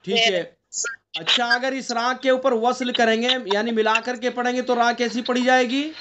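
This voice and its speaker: A man teaching Quran recitation in an online class, asking his students questions and going over the rules step by step, with slow drawn-out recitation of the verses. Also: extremely high pitch, steady tone, background noise.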